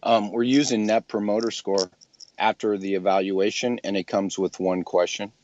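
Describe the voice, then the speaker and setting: A man who runs a clinic, talking casually and emphatically in a group discussion, often clearing his throat. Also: on the low side, fairly even intonation, moderate pace, darkish tone, no echo, lo-fi sound. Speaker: clinic owner.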